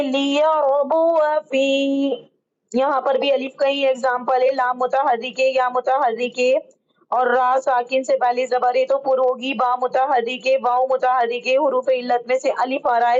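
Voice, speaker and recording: A woman teaching how to read Quranic script, explaining each rule slowly and patiently and drawing out the words she recites. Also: high-pitched, little pitch movement, dull audio. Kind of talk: online Quran reading lesson.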